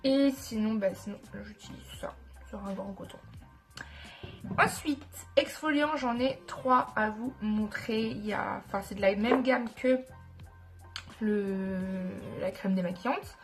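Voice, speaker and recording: A woman's voice: medium pitch, unhurried, soft background music. A woman with a congested, nasal voice from a stuffy nose, chatting casually and enthusiastically as a beauty vlogger, often correcting herself as she goes. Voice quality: nasal, blocked-up sound. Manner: informal, enthusiastic about products, self-correcting. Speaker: beauty vlogger presenting skincare products. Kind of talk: casual chat to viewers.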